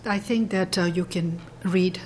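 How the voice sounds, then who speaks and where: A woman chairing a legislative committee hearing, speaking haltingly with many fillers and restarts. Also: lowish voice, fairly even intonation, a little mellow, a little hiss or hum.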